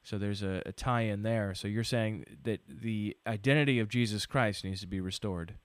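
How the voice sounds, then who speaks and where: Lowish-voiced male host, dry sound. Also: fairly even intonation, normal speed, no room sound. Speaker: radio show host. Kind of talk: conversational interviewing.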